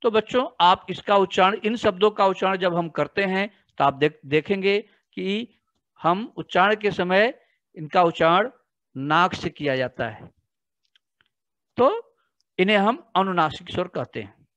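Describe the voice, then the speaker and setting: A teacher giving a grammar lesson to children, explaining slowly and deliberately and often speaking to the class directly. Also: mid-range voice, lively intonation, a bit bright, no echo. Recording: dull, slightly lo-fi, dry recording.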